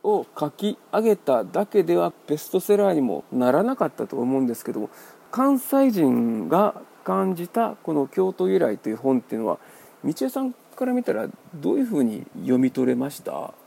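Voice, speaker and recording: A man hosting a radio book talk, explaining in a wry, measured way. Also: a little high, very animated, gravelly, mellow. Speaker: radio host.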